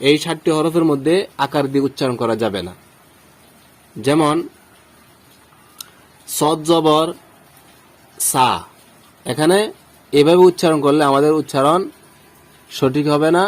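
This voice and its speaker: A male Quran teacher from Bangladesh explains pronunciation rules slowly and patiently. He repeats every example, and his pitch sits at an ordinary middle level. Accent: Bangladeshi Bengali. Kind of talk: step-by-step tajweed lesson.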